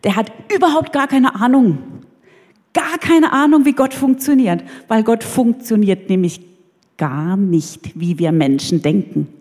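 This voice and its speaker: A woman preacher telling a story as a sermon in an animated, conversational, jokey way. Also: medium pitch, a little slow. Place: church hall. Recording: long reverb in a church hall.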